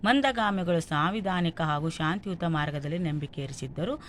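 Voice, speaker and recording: Listing exam answers item by item like a teacher, this woman speaks with a North Karnataka accent. Her fairly low voice is expressive and moves at normal speed, and a faint hiss or hum is present.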